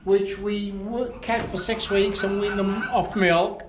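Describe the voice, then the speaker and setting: A man's voice: high-pitched, little pitch movement, takes it slowly. A man, a farmer casually explaining his place as he shows someone around. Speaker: farmer, farm owner. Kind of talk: casual explanation while showing a farm. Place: farm sheds and yard. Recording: echoey farm sheds, faint noise.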